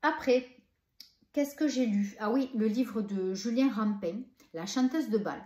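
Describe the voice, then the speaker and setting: A woman's voice: fairly high pitch, measured pace, darkish tone, echoey room. A woman from southern France with a southern French accent, chatting enthusiastically about books she has read, with many hesitations. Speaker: book vlogger. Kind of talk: casual book review.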